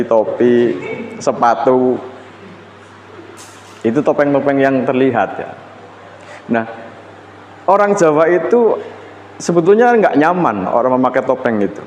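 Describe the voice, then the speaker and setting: A man delivers a relaxed university lecture, chatting to students with fillers and restarts. His voice sits at an ordinary middle pitch. The sound rings through a reverberant classroom with a faint hum of room noise behind it. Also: dull audio. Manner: casual conversational lecturing with fillers and self-corrections.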